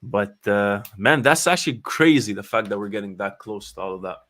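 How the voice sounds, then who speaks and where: A man's voice: on the low side, animated, brisk, fairly bright tone, no room sound. A young man hosting a casual crypto chat, teasing his guest and tagging sentences with "man". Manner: teasing, says "man" and "to be honest" a lot. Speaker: crypto podcast host.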